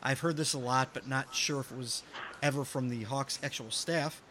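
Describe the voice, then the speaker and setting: A man with a bright, forward voice runs a loose, joking podcast chat among friends and reads out questions sent in by listeners. A faint hiss sits under his voice. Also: mid-range voice, fairly even intonation, moderate pace. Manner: joking, stumbles over names. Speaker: podcast host.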